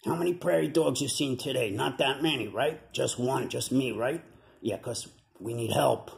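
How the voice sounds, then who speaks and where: A chatty, wisecracking prairie dog puppet with a New York accent rattles off slangy tough-guy patter, voiced by a man. The voice has a gravelly, fried edge at a middling pitch. It is picked up by a webcam in a room at home. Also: normal speed, reverberant. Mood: pleading. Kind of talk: puppet comedy sketch.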